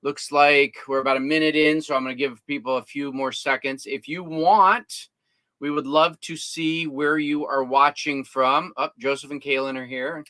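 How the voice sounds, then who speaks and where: A man's voice: on the high side, fairly even intonation, normal speed, pushed and bright. A man co-hosting a casual livestream from inside a camper, reading out viewer comments and joking. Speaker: co-host of an RV livestream.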